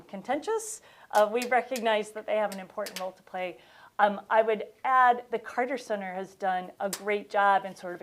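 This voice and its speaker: Woman expert on a panel, measured answers, many fillers, mid pitch. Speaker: election panelist. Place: conference hall.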